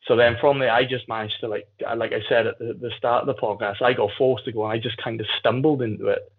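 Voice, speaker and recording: A husky-voiced man with a South Wales Valleys accent, a jiu-jitsu athlete, chats candidly and tells casual stories as a podcast guest. He talks fast in a mid-range voice with fairly even intonation, and the audio is muffled and phone-like.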